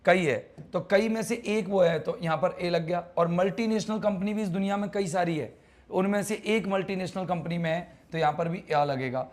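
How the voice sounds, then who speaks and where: A man's voice: sits high, moderate pace. A man teaching English grammar in a casual live online class, coaxing students and repeating words to drill them.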